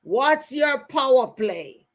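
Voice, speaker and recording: Speaking at a notably slow pace, a middle-aged Jamaican motivational host uses a fairly high voice that swings widely in pitch. She builds her talk around personal stories, hammering points home with emphasis, repeated key phrases, and direct address to the audience.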